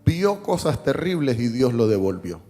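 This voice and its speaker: A male pastor preaching a sermon, telling a personal story with jokes and dropping to a hushed tone for emotional moments. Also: medium pitch, very animated, normal speed. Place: church sanctuary. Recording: long hall reverb, faint music behind.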